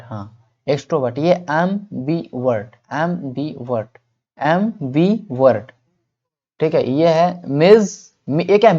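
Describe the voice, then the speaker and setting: A male teacher giving an online vocabulary lesson. He asks questions and answers them himself, and stretches words out slowly so listeners can repeat them. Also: on the high side, a little mellow, muffled recording.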